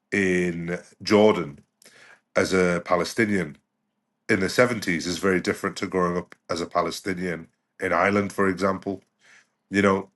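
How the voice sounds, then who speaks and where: Appearing on a podcast, a middle-aged British doctor who grew up in the UK talks thoughtfully and conversationally in a deep, slightly bright voice. He frequently restarts his sentences and leans on "you know."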